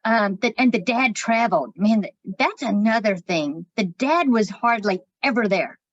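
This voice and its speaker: A woman's voice: mid-range voice, lively intonation, normal speed, dry recording, highs cut off. A woman co-hosting a podcast, telling stories in casual chat and swearing now and then. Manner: chatty storyteller, swears casually. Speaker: podcast co-host.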